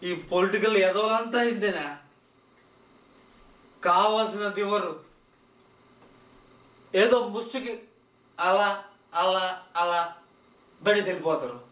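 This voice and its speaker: A man's voice: high-pitched, fairly bright tone. An actor playing a drunk poor man who rants at corrupt politicians, repeating his words for emphasis. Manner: ranting, repeating phrases for emphasis. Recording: echoey room, mic at a distance.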